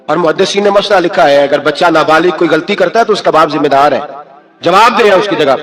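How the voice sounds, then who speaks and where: A man's voice: high voice, a bit bright. A man preaching an impassioned sermon, firing rhetorical questions at his listeners and alternating between scolding and pleading. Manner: fires rhetorical questions at the audience. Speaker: Islamic preacher.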